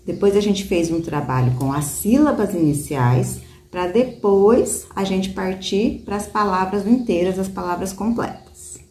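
A woman's voice: medium pitch, expressive, measured pace, few pauses, warm tone, a little hiss or hum. A woman teacher guiding a child through a reading lesson, patiently coaxing and stretching out syllables. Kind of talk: one-on-one literacy lesson.

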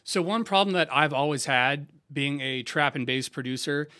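A young man from San Diego, a music producer hosting a casual software tutorial in a laid-back, slangy, conversational way. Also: fairly high pitch, moderate pace. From San Diego, USA.

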